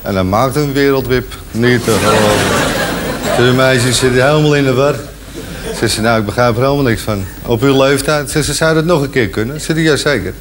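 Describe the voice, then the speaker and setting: A man's voice: mid-range voice, normal speed, background noise. A man telling jokes and acting out the characters with voices that jump up and down. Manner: acts out the characters, shifting his voice up and down. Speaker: joke teller.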